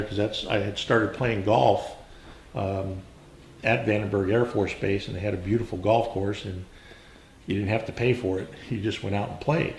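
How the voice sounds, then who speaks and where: An older American man, a veteran remembering his service in an unscripted interview, speaking in a measured, halting way with reflective pauses. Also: lowish voice, creaky, slight background noise. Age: older, around 70s. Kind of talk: unscripted oral history interview, reminiscing. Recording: roomy, echoing interview sound.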